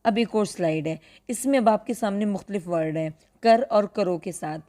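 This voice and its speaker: धीमी, गहरी आवाज़ में पढ़ाती महिला शिक्षिका. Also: female voice, medium pitch, warm tone. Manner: clear, patient explaining, slows down to drill pronunciation. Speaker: Qur'an translation teacher. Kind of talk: recorded online lesson.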